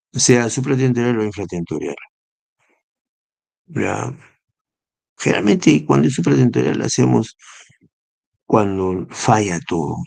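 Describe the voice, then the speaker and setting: A man's voice: fairly low pitch, gravelly, a little mellow, no room sound. A man giving a recorded neurosurgery lecture, explaining step by step and often checking in with his students. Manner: explanatory, spells out acronyms, asks rhetorical "¿no?".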